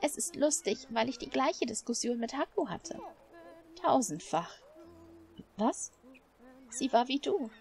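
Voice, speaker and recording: A woman voicing a stern, protective elderly woman in a game, speaking slowly and gravely. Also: on the high side, animated, a little mellow. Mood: reproachful. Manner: stern, scolding, slow and weighty. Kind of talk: game dialogue read aloud. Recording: faint music behind.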